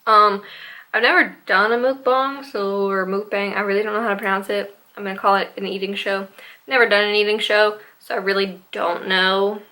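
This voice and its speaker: A woman's voice: medium pitch, level tone, fairly quick, bright, forceful tone, rough recording. A young woman vlogging at home in a casual eating-show chat, hesitant and rambling with lots of ums and likes. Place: home room with a Christmas tree.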